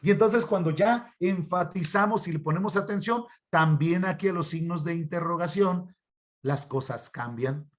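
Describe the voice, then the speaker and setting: A man's voice: sits high, normal speed. Mexican man teaching Bible class online. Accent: Mexican Spanish. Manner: addresses listeners as brothers, asks questions to the class. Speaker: Bible study instructor. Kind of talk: online church workshop teaching.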